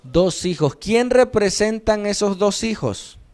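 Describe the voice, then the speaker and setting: A male pastor teaches how to build a sermon, walking listeners through scripture line by line. His voice sits fairly high for a man and he speaks slowly, often throwing out a question and answering it himself. He reads the scripture passages with raised emphasis. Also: lively intonation, a little mellow. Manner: asks the audience questions and answers them himself.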